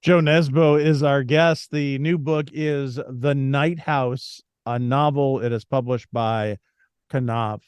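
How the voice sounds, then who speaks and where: A man's voice: medium pitch, steady tone, slow, a little mellow, smooth, no room sound. A man hosting a radio book interview, asking questions in a conversational way. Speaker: radio host.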